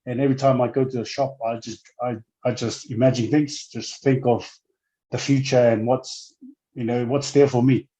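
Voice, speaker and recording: A man's voice: medium pitch, little pitch movement, moderate pace, warm tone, poor audio. A man in his forties from Samoa, speaking in a casual interview as a guest, hesitant and full of fillers and restarts. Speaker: guest, former rugby player.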